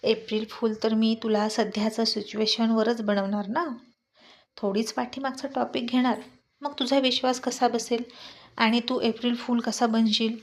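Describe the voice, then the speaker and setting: A woman's voice: on the high side, little pitch movement, normal speed, close to an everyday voice. A woman voicing a playful young wife who teases carelessly. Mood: teasing. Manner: teasing, carefree.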